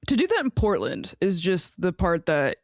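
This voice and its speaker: A woman's voice: lowish voice, wildly swooping pitch, moderate pace, no echo. Woman podcaster, fed up, swears a lot, laughs, dry close mic. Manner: frustrated, blunt, swears, laughs often. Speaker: podcast co-host. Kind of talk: casual podcast chat.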